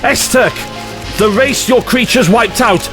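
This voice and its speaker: A man acting in an audio drama as an eccentric, excitable time-travelling adventurer, theatrical and given to rambling digressions. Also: extremely high pitch, measured pace. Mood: panicked, urgent. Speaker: lead actor in an audio drama. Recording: music under the voice.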